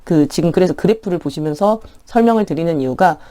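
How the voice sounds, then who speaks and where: A woman teaching an online language lesson in a friendly, polite explaining tone, slowly drawing out words as pronunciation models. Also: lowish voice, lively intonation, dark tone.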